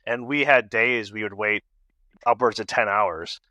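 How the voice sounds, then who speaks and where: A man's voice: on the low side, a little slow, pushed and bright, dry recording, muffled recording. An American man hosting a podcast, chatting casually and arguing his points with lots of "like.". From United States. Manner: casual, argumentative, says "like" often. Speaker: podcast host. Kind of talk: casual interview chat.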